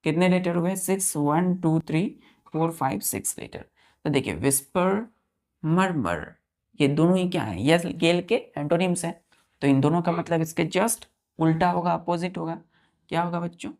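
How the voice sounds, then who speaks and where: Woman teaching vocabulary, lowish voice. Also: normal speed, darkish tone. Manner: spells words letter by letter, keeps asking students if it is clear. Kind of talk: classroom lesson.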